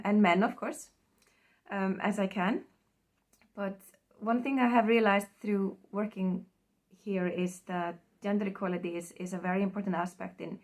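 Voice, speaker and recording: Icelandic woman, mid-pitched, halting thank-you speech with lots of ums. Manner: hesitant, many ums, trailing off quietly. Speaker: award recipient. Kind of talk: prerecorded acceptance speech.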